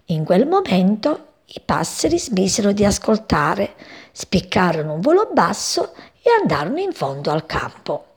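A woman reads a children's story aloud with expressive storytelling. Her voice is mid-range with a breathy edge, at a moderate pace.

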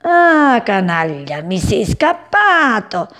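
A woman voicing a sly, hungry male cat in a children's story, speaking slowly and gloatingly. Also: high-pitched, sing-song, gravelly, a little mellow, pitched above the performer's own voice, exaggerated voice. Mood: furious. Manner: slow, gloating, drawn-out.

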